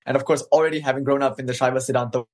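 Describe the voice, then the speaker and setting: A man's voice: mid-range voice, steady tone, racing. A man, an articulate interview guest who laughs often, speaking over a video call. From Malaysia. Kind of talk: conversational interview.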